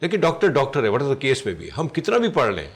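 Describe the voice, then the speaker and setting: A man's voice: mid-range voice, wildly swooping pitch. A man with a Pakistani accent hosting a TV health talk show, chatting casually and earnestly advising viewers, mixing in English phrases. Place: TV studio.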